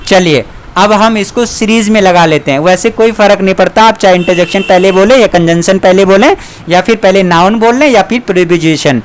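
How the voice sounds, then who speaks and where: A man teaching a grammar lesson, dictating slowly and asking the class repeated questions. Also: high voice, a little hiss or hum. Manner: slow, drawn-out dictation with repeated questions to students.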